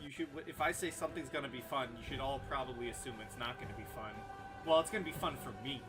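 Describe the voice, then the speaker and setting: A man's voice: mid-range voice, quick pace, over music. A man narrating as game master of a tabletop game, playful and teasing with his players.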